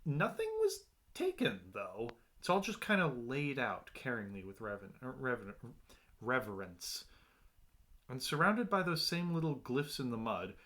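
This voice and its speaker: A man's voice: mid-range voice, wildly swooping pitch, unhurried, fairly bright tone. A man narrating a tabletop game as game master, loose and rambling with casual swearing.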